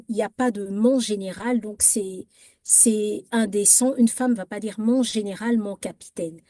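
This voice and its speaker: A woman's voice: medium pitch, dark tone, no echo. A woman giving an informal workshop talk on etiquette, hesitant and full of fillers, setting wrong phrases against correct ones. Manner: hesitant, many fillers and restarts.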